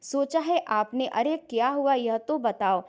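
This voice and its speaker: A woman voicing an angry middle-aged mother who shouts and scolds her son in a family story. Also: sits high, unhurried. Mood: angry scolding.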